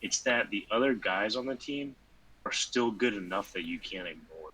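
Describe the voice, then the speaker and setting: A man co-hosting a casual sports podcast, rambling with lots of fillers and sudden animated bursts. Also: fairly low pitch, moderate pace, husky, low-quality recording. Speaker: podcast co-host.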